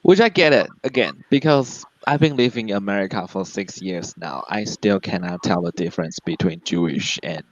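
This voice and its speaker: A man doing stand-up, his lowish voice leaping up and down with lively swings of pitch. He giggles at his own punchlines. The sound is dry and a little dull, like a lo-fi stream. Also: normal speed, few pauses, dry recording. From Taiwan. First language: Mandarin Chinese. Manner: laughs at his own jokes, voice jumps high for punchlines. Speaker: stand-up comedian. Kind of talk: stand-up comedy set.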